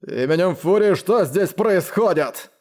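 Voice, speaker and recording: A man voicing a burly, hungover count who bellows gruffly and commandingly in an audiobook. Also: on the high side, sing-song, a little fast, a little mellow, pitched above the performer's own voice. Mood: bellowing. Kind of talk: audiobook character voice.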